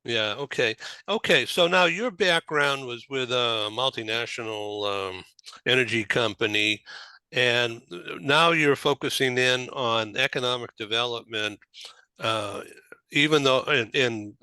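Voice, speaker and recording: Male talk show host, bright, chatty, dry audio. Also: medium pitch, measured pace, clean tone, dry recording. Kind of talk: casual video-call interview.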